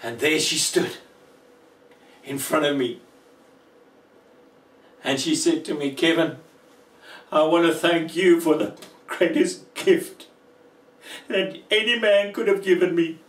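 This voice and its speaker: Male preacher, emotional testimony, long pauses, roomy echo. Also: on the high side, distant mic. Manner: slow, emotional, dramatic pauses. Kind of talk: testimony sermon.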